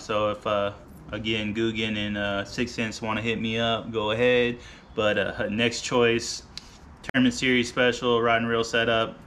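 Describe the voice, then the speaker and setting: A man in his thirties with a bright, forward voice talks casually through his gear, relaxed and rambling, full of ums and uhs. He sits in a garage close to the camera mic, with a faint hum behind him. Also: medium pitch. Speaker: fishing vlogger. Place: garage, seated by boat gear.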